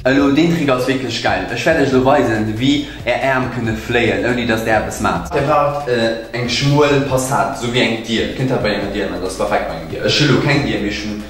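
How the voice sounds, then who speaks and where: Speaking at a normal speed with few pauses, a young adult co-host with a Luxembourgish accent and a mid-range voice runs through facts and tricks in a relaxed way. Music plays in the background of the echoey room.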